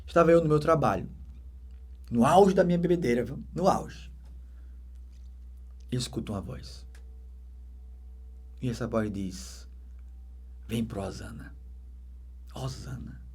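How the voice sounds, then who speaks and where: A man with a Brazilian Portuguese accent, a deacon giving a dramatic conversion testimony that swings between loud emphatic bursts and hushed soft passages. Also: mid-range voice, expressive, a little slow, pauses often, slightly rough.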